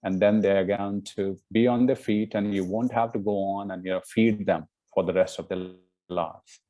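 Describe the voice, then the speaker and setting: A man's voice: lowish voice, fairly even intonation, normal speed, dark tone. A middle-aged man from India, a guest in a casual interview, talking earnestly with many fillers and "you know".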